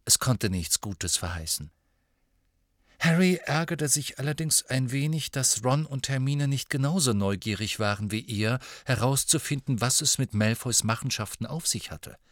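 A man reads an audiobook in scripted narration. His delivery is expressive, with a lively, moving pitch, and the recording is dry and close. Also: normal speed, no room sound. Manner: expressive storytelling.

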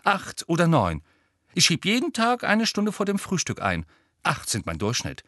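A man voicing a pompous, study-obsessed teenage boy who boasts loudly and pushily. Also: fairly low pitch, animated, brisk, no echo, clean studio sound. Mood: boastful. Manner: boastful, pushy, loud.

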